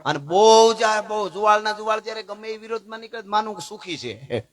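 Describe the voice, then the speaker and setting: A man telling a folk tale in a lively, conversational way, full of jokes and asides to the audience. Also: high-pitched, fairly quick, faint music behind. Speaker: folk storyteller. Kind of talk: folk storytelling to a live audience.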